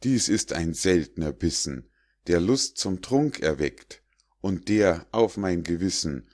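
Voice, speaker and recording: A man voicing a huge, mocking male giant who speaks slowly and with relish. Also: sits low, lively intonation, a little mellow, full character voice.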